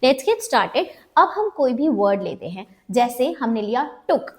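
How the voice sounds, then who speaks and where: Teacher, woman, patient and deliberate, lively pitch, spells out each sound. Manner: slow, spells out sounds, repeats for learners; mixes Hindi with English terms. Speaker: phonics teacher. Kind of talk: step-by-step lesson.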